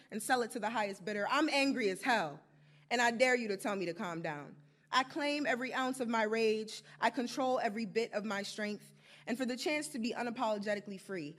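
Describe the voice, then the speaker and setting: A young American woman with a fairly high voice performs spoken word poetry on stage. Her delivery is emphatic and rhythmic. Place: live stage before an audience.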